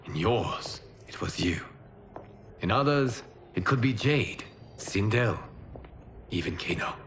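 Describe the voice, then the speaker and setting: Liu Kang, a deep, calm time-keeper. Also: male voice, a little hiss or hum. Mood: solemn. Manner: calm, measured, solemn. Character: calm godlike male warrior monk, keeper of time. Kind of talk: video game cutscene acting. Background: dramatic game score.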